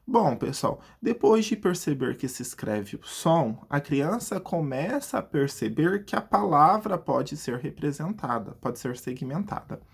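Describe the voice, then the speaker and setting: Brazilian male teacher for an online lesson, slightly husky and breathy, chatty, asks himself questions and answers them, drags out words syllable by syllable. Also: a little high, big pitch swings, unhurried, hardly any pauses. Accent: Brazilian Portuguese. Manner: stretches out words syllable by syllable to demonstrate.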